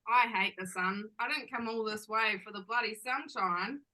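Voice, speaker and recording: A woman's voice: on the high side, normal speed, sharp tone, poor audio. [name], a woman playing a brash Kiwi barmaid. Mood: sardonic. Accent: New Zealand with Australian twang. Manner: blunt, sarcastic, slangy banter. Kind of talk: amateur audio drama.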